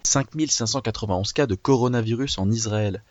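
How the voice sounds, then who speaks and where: Low-voiced man reading news, dry lo-fi sound. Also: a little fast, dry recording. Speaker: international news correspondent. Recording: dull lo-fi dry recording.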